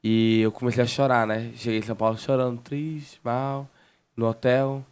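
A man's voice: medium pitch, little pitch movement, moderate pace, darkish tone, smooth. A man, chatting casually as a guest. He tells a long personal story, repeating words and restarting his sentences as he goes.

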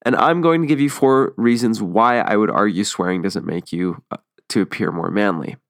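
A man's voice: fairly low pitch, moderate pace, no echo. A young man talking earnestly and casually as the host of a solo podcast, chatty with frequent ums and restarts, close to the mic. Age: young adult.

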